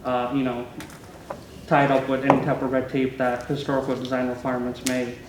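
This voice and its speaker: A man's voice: medium pitch, monotone, brisk, heavy background noise. A municipal staff man briefing the council in a polite, formal way. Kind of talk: official briefing. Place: council board room. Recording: echoey room, far mic.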